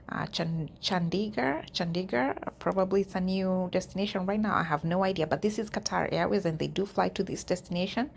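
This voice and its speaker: A woman vlogger with a lowish, gravelly voice chats straight to her viewers. Her talk is casual and direct as she walks through listings. A faint hiss of noise sits under the recording. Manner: chatty, addresses viewers directly. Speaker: YouTube vlogger. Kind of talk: casual walkthrough of job listings.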